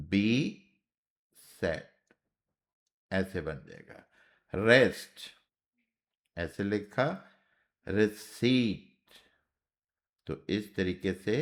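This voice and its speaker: A man teaching a shorthand class, explaining step by step and sounding out each example word. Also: on the low side. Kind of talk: whiteboard lesson.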